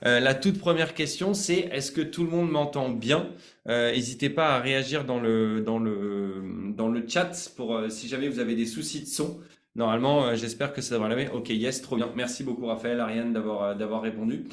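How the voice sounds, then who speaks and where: A man's voice: medium pitch, moderate pace, roomy sound. A man hosting a live online sales training, chatty and informal, hesitating often with fillers.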